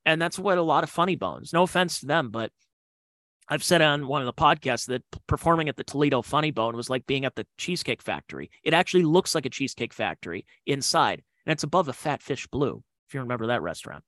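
A man's voice: mid-range voice, animated, fast talker, a bit bright, dry recording. A man hosting a podcast, telling comedy club stories in a rambling, digressive way with slangy asides. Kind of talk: casual storytelling.

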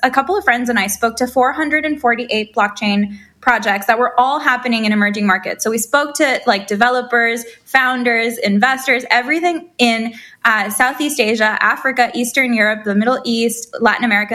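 A woman from Honduras, a co-founder guest telling her background in an energetic, casual interview. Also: a little high, brisk.

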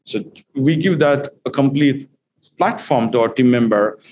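A company executive, guesting in a business interview, explains his company's work point by point, fluent though full of fillers. His ordinary mid-pitched voice has lively intonation and a slightly slow pace, with a faint hum of room noise behind him.

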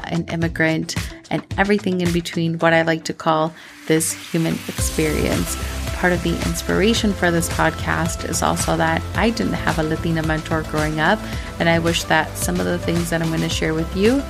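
With a fairly low pitch and noticeable vocal fry, this podcast host shares personal stories in a monologue. She was born in Colombia, is in her thirties, and comes across as warm and reflective, chatting with plenty of fillers.

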